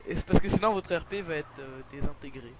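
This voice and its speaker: A man's voice: on the high side, fast talker. A man co-hosting a casual gameplay video, chiming in with short, joking remarks. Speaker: co-host on a game server tour.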